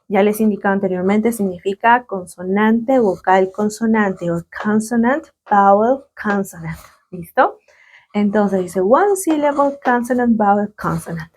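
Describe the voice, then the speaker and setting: A woman's voice: medium pitch, darkish tone. A woman with a Latin American Spanish accent explaining grammar rules as a teacher, patiently checking in with her students after each point. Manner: patient, checks in often with short questions. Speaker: English teacher. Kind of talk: classroom explanation.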